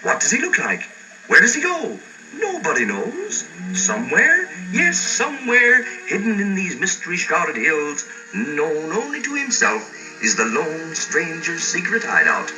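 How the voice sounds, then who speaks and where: Over the top 1930s western cartoon narrator, super melodramatic, slow delivery, old far-off soundtrack w music. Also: male voice, on the high side, wildly swooping pitch. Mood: grandiose, suspenseful. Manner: hammy, grandiose, with chummy asides to the audience. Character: breathless, mock-dramatic male narrator of a western spoof. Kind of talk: melodramatic 1930s radio serial narration parody.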